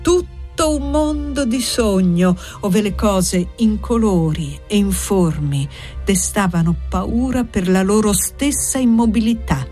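A woman narrating a classic novel as an audiobook, reading in a measured, expressive way. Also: mid-range voice, soft background music. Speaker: audiobook reader.

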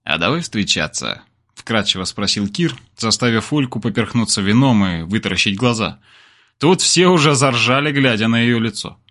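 A man narrating a story in the first person in an expressive storytelling manner. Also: mid-range voice, moderate pace.

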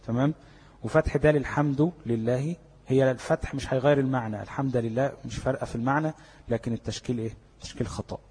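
A husky, breathy-voiced man with an Egyptian Arabic accent gives a tajweed lesson, posing questions and then answering them himself. His mellow, dark voice rings out with a long reverb, as if in a large hall. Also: medium pitch. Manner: explains step by step, asking and answering his own questions. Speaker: Quran recitation teacher. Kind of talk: classroom lecture on tajweed.

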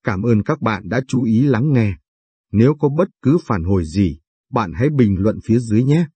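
Low, husky man reading a late-night story. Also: lively intonation, normal speed, warm tone, dry recording. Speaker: story reader, channel host.

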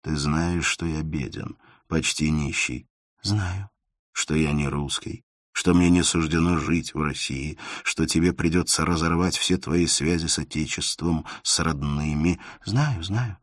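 A man reading the part of a grave, reserved young man in an audiobook, slow and restrained. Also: extremely low pitch, no room sound, clean studio sound. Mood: earnest.

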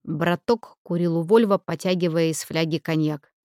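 Low-voiced woman reading an audiobook. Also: moderate pace, a little mellow, no room sound, clean studio sound. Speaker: audiobook narrator. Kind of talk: audiobook narration.

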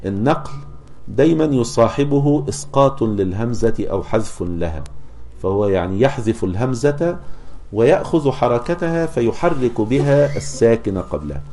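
A man gives a lesson in a low, mellow voice. He keeps posing rhetorical questions to his students. He slows into a measured chant for verses and examples. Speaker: teacher of Quran recitation. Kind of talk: explaining a scholarly text to students.

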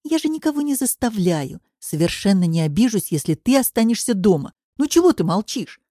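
A woman reading the part of a gentle, coaxing husband turning forty in an audiobook. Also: medium pitch, big pitch swings, fairly quick, no echo, clean studio sound.

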